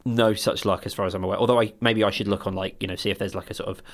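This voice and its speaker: Low-voiced rambling man. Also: steady tone, racing. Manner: rambling, sweary, trails off mid-sentence. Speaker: podcast co-host. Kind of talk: casual chat.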